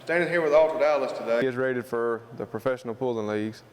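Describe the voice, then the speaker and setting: A man's voice: medium pitch, fast, clear, resonant tone. A man with a Southern US accent giving an informal interview, explaining things in a plain-spoken, folksy way. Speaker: student club president being interviewed.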